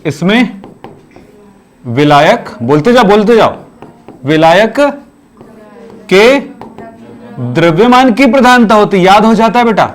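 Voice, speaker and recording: A man's voice: high-pitched, expressive, slow, long pauses. A man teaching chemistry in a classroom, urging students to study every day in a repetitive, exhorting way. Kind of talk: classroom lecture.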